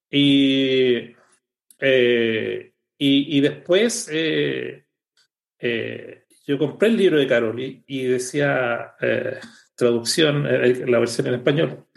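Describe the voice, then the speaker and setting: A man hosts a podcast in an easygoing, casual manner, often restarting his sentences. His voice has a noticeable gravelly fry, at a middle pitch. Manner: relaxed, halting with restarts. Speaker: podcast host. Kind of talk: casual interview chat.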